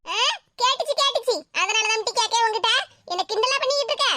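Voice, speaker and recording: A woman's voice: very high voice, a little fast, bright, forceful tone, slight background noise. A woman voicing a touchy young cartoon girl who keeps complaining about her sister, with a Tirunelveli Tamil accent. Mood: annoyed. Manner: whiny, complaining. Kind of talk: cartoon voice acting.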